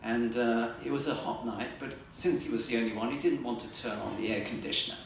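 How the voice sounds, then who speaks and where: Older man telling jokes, gravelly. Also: mid-range voice, fairly even intonation. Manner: dry joke-telling with pauses and fillers. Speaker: stand-up comedian. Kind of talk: stand-up comedy at a live event. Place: library fundraiser event room. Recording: echoey room from far off, noisy.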